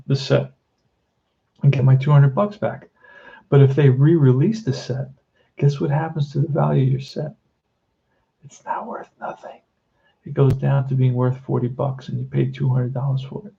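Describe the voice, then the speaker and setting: Man, 60s, Queens accent, very dark relaxed tone with fry, blunt hobbyist chat, slightly dull recording. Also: mid-range voice. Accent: Queens, New York. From Queens, New York. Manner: blunt, plain-spoken, addresses listener as "man". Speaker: tabletop baseball hobbyist giving a tutorial. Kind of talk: casual off-the-cuff tutorial chat.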